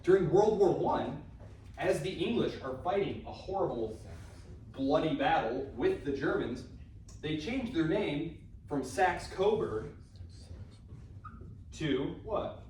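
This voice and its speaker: A man's voice: fairly high pitch, expressive, slow, long pauses, a little mellow, a little hiss or hum. A man giving a casual classroom lecture on history, chatty and informal, full of fillers and asides. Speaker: history instructor. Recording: very echoey room recorded from a distance.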